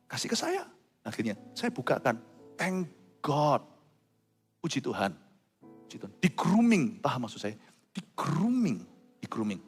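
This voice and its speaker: A middle-aged man preaching a sermon, swinging between loud high exclamations and hushed low asides. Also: sing-song, a little slow, pauses often, husky, long reverb tail, soft background music. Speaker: pastor.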